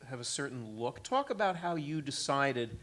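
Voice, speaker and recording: A man moderating a panel discussion, building his questions in a measured way. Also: medium pitch, big pitch swings, fairly bright tone.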